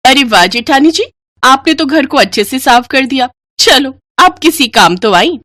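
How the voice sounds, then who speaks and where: A woman's voice: on the high side, moderate pace, a bit bright, dry recording, clean studio sound, pitched above the performer's own voice, close to an everyday voice. A woman voicing a spoiled, mocking young rich daughter-in-law with a sugary, sneering way of talking.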